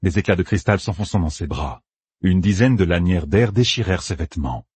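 A man narrating a fantasy audiobook with lively, dramatic reading. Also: low voice, fairly quick, breathy edge, no room sound.

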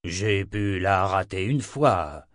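A man's voice: low voice, lively intonation, slow, a bit bright, dry recording, clean studio sound, exaggerated voice. A man doing a proud, irritable ancient wizard. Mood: exasperated. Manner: exasperated, defensive.

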